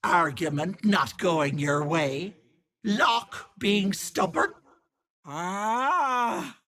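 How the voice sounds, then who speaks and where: Playing an older video game villain, a wicked hag disguised as a kindly auntie, a woman alternates between saccharine sweetness and sly, threatening talk. She speaks very slowly in a medium-pitched, slightly bright voice with lively intonation.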